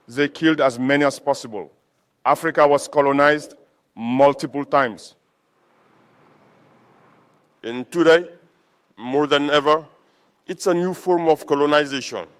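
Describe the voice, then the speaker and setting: A man giving a rallying political speech to troops as a military leader, exhorting them with repetition and rhetorical questions. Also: on the high side.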